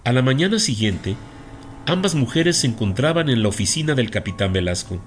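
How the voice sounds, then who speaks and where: Male storyteller, medium pitch, measured dramatic narration, faint music under it. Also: lively intonation. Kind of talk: scripted narration of a horror story.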